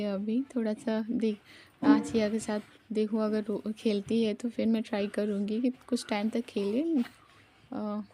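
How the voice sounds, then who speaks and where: Flat, mellow-voiced mother narrating a vlog. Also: mid-range voice, slight background noise. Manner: halting, even delivery with many pauses. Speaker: mother and vlogger.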